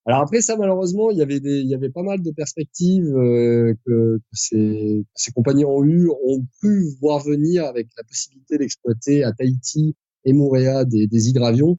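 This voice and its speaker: Speaking at a moderate pace with a dark, mid-range voice, a man in his 40s who works as a pilot gives long, conversational explanations on a podcast. He often hesitates and starts over, and the audio is dry and lo-fi.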